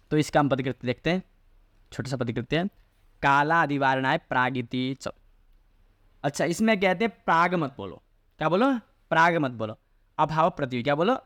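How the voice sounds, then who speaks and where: A man with a slightly higher than usual voice gives a patient lecture. He keeps asking questions and answering them himself, and he slows down to recite classical phrases word by word. The sound is dry and close, with no room echo. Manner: recites Sanskrit phrases slowly and deliberately. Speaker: Sanskrit teacher. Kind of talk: explanatory Hindi lecture on a Sanskrit logic text.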